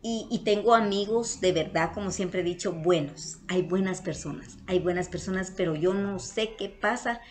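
A woman's voice: fairly low pitch, normal speed, few pauses. Earnest Guatemalan woman telling a story. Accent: Guatemalan Spanish. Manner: affectionate, earnest, repeats herself, addresses viewers as "my loves". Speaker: vlogger. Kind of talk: casual storytelling to viewers.

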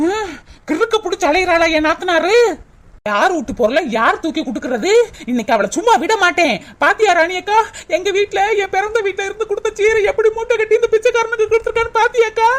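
A woman voicing an angry young village wife in a cartoon, scolding in a shrill, rapid manner. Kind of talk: cartoon voice acting.

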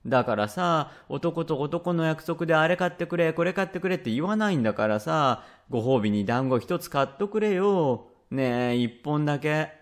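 A man's voice: a little high, animated, normal speed, few pauses. A man voicing a cheeky, pestering little boy who wheedles his father for treats in a rakugo tale. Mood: whiny. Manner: wheedling, whiny. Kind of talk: rakugo storytelling.

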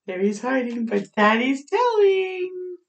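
A middle-aged woman with a high voice and big pitch swings takes her time hosting children's storytime, reading a picture book aloud expressively, adding asides, and drawing out words. She's indoors in a small home bathroom, recorded by a slightly distant microphone.

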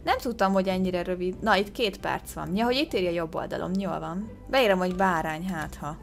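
A woman's voice: on the low side, creaky, soft background music. A woman hosting a game video, commenting casually, exclaiming and gasping as she guesses, and sounding out English words hesitantly. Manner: excitable, exclaims and gasps while guessing. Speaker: gaming video host.

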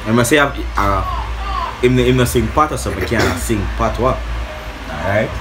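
A man's voice: fairly low pitch, measured pace, noisy background. A young man with a Jamaican accent chatting and teasing casually in a vlog. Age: young adult. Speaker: vlogger doing an impression challenge. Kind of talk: casual banter. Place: small room, indoors.

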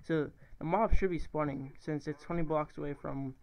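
A man's voice: fairly high pitch, steady tone, moderate pace, a little mellow, poor audio. A young man casually commentating his own gameplay, rambling and thinking aloud, often correcting himself and swearing casually. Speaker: gaming channel host.

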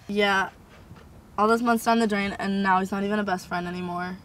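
A woman's voice: medium pitch, fairly even intonation, a little fast, fairly bright tone, natural voice. A young woman plays a hurt, reckless teen girl who brushes off worry. Her voice sits mid-range, with faint noise behind it. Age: teens. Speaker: student. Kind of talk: amateur school drama.

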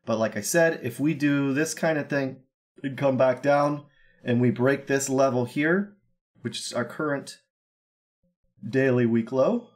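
Unhurried and mid-range in pitch, a young crypto analyst's voice carries a slight cold-induced scratchiness. He gives a casual, brash, joking market breakdown loaded with ums and uhs, captured by a webcam in a small room.

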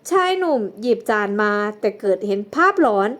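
High-voiced woman narrating a drama. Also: big pitch swings, brisk, fairly bright tone.

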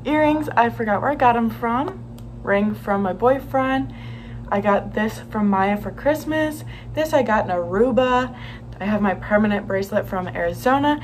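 A woman's voice: fairly high pitch, moderate pace, a little hiss or hum. A young woman chatting casually and gushingly to her vlog, in a bubbly sorority-girl manner, on a phone held at arm's length. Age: young adult. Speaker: sorority member vlogger. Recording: phone vlog with music underneath. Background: background music.

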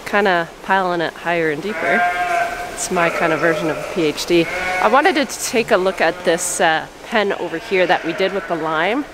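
A woman's voice: on the low side, moderate pace. A woman in her thirties, a sheep farmer vlogging in casual chat, thinking aloud with restarts, filmed at arm's length in a large covered barn. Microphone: camera at arm's length. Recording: barn noise behind.

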